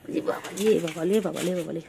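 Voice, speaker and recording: A woman's voice: low-pitched, fast, creaky, mellow, a little hiss or hum. A woman talking doting, repetitive baby talk to her pet cats while filming them. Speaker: pet vlogger.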